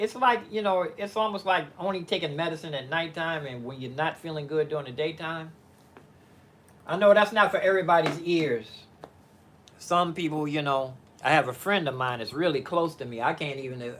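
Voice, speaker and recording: A man's voice: fairly high pitch, a bit bright, slight background noise. Older man rambling through a home-studio stream. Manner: meandering and halting, thinking aloud with many fillers and restarts. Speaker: musician live-streaming from his home studio. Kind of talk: rambling live-stream chat. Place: home living-room studio.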